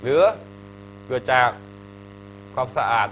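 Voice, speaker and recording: Bright-voiced male teacher lecturing. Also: slow pace, slight background noise. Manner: chatty, asks students questions, jokes. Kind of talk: classroom health lecture.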